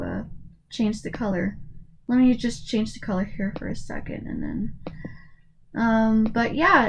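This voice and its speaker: In a rough recording with a bit of hiss or hum, a twenty-something woman YouTuber with a gravelly, fairly high voice chats through a tier list. She's casual and hesitant, restarting often, using many fillers, her voice coming and going.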